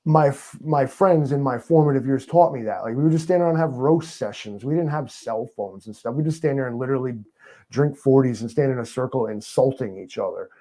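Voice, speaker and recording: Rambling New man, mellow voice. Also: mid-range voice, brisk. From New York. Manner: rambling, filler-heavy, joking and sarcastic. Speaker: guest. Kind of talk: casual interview chat.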